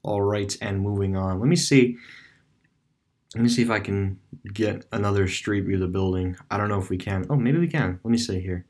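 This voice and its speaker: Narrating a screen-recorded street-view tour of a closed store, this man speaks briskly in a darkish voice on the low side. The commentary is loose and meandering, packed with fillers and false starts.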